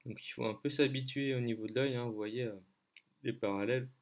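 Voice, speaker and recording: A man's voice: medium pitch, fairly even intonation, fairly quick. A man from France giving a casual screen-share lesson on weather maps, hesitant, with many fillers as he thinks aloud. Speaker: weather-map tutor.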